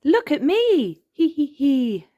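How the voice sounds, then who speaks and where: A woman's voice: high voice, sing-song, slow pace, mellow, dry recording, dull audio, voice pushed up, exaggerated voice. Peppa Pig, a squealing little piglet from a woman. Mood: excited. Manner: squealing, bouncy and eager. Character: cheerful excitable little girl piglet. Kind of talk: storybook read-aloud.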